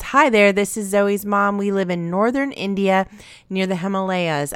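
A woman hosting a podcast, reading listener reviews aloud in a gentle, encouraging way. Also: medium pitch, clean tone, dry recording. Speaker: podcast host.

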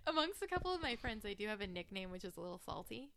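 A woman with a bright, clear voice, chatting casually in a podcast. She rambles, filling her sentences with "um" and "like". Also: medium pitch, big pitch swings, rapid-fire. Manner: chatty, rambling, full of fillers.

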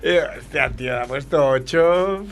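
A man's voice: medium pitch, unhurried. A man from Spain with a Spain Spanish accent, telling a funny story in casual banter and acting out the dialogue. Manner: animated storyteller, acts out dialogue.

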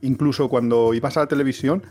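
A man from Valencia, hosting a travel podcast and joking in relaxed banter. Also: medium pitch, quick pace, faint music behind. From Valencia, Spain. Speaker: podcast host. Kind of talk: casual chat.

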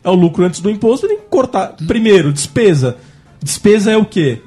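A man's voice: sits high, sing-song, brisk, mellow, slightly rough, faint music behind. A man with a Brazilian Portuguese accent in a casual podcast discussion, explaining in slangy, emphatic style and acting out dialogue.

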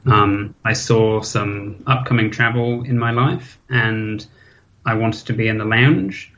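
A man's voice: lowish voice, takes it slowly, fairly bright tone, a little hiss or hum. Hesitant British-accented man, lo-fi call. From Hong Kong. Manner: hesitant, many ums and restarts. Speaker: interview guest, forum member. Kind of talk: casual interview.

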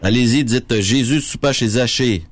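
A man with a Quebec French accent making a prank phone call, posing as a phone company engineer in a mock-official, deadpan way. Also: mid-range voice, moderate pace. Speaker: prank caller.

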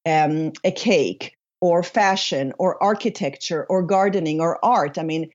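An Israeli woman in her fifties, with a slight accent, reflects on her story as a podcast interview guest, restarting sentences and using fillers. Her voice is on the low side, unhurried and a little mellow, and the recording sounds muffled.

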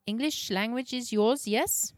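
A woman's voice: on the high side, measured pace, dry recording, clean studio sound, pitched above the performer's own voice, natural voice. A woman voicing a cheerful older male clockmaker with a heavy German accent and broken English, in a storybook reading. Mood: welcoming. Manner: broken English, warm and eager.

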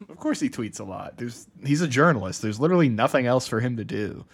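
A man's voice: medium pitch, lively intonation, fast talker, creaky, husky. Sarcastic man co-hosting a podcast. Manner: sarcastic, blunt. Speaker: podcast co-host. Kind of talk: casual chat.

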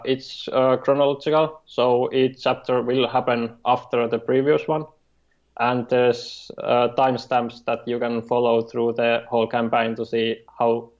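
Finnish guy w accent, flat monotone, lots of uhs, kinda dull lo-fi audio. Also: mid-range voice. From Finland. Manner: halting, hesitant, many uh fillers and restarts. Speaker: board game designer, guest. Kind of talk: remote interview.

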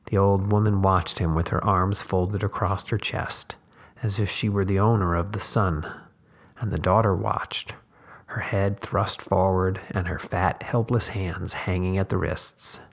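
Deep gravelly male narrator. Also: steady tone, a little slow. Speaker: podcast host and narrator. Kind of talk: audiobook reading.

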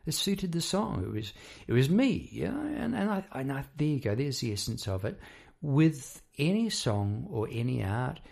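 A man hosts a casual, reflective monologue as a working musician. His voice is croaky and gravelly, with plenty of fry. He speaks in a halting, rambling way, doubling back on his words as he thinks aloud. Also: medium pitch, sing-song, a little mellow. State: croaky voice after poor sleep. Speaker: songwriter and musician hosting a half-hour talk.

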